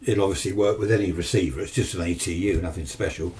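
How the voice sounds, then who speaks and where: Deep-voiced and darkish in tone, a British amateur radio enthusiast talks fast with fairly even intonation in a casual, unscripted hobby chat. He rambles in a matter-of-fact way indoors at his home radio shack, captured by a distant microphone with noisy room ambience.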